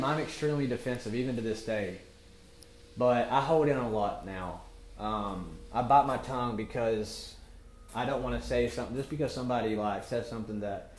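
A man's voice: lowish voice, reverberant, slight background noise. A young man hosting his own podcast, talking alone in a rambling, candid way, full of slang like dude and bro. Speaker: podcast host. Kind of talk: casual solo podcast monologue.

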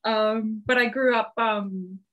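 A woman's voice: on the high side, fairly even intonation, slow pace, muffled recording, noisy background. Woman guest from western Canada, forties, casual and meandering, peppers talk with likes and ums. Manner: rambling, many ums and likes, laughs often. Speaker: podcast guest, dominatrix. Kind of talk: casual interview chat.

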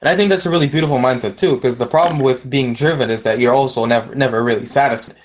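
A man's voice: medium pitch, fast talker. A man with an Aruban accent reasoning things through in casual discussion, often repeating words as he starts a thought.

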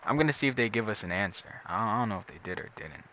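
A man's voice: on the low side, lively intonation, racing, bright, forceful tone, poor audio. A young man with a slangy, playful frat-bro manner, chatting casually and reading puzzles out to his friends. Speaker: riddle reader in a friend group.

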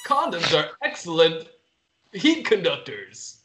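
A man voicing an excitable, crude comedy sidekick with theatrical, exaggerated delivery on an improvised talk show. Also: fairly high pitch, takes it slowly. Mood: eager. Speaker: co-host. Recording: roomy echo, faint crowd noise.

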